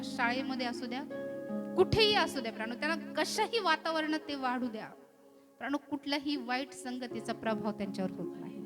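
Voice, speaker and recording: High-voiced Marathi woman preaching. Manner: preaching with frequent "hallelujah" and "beloved" refrains; rises to loud emphatic exhortation. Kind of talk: sermon. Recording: music playing behind the voice.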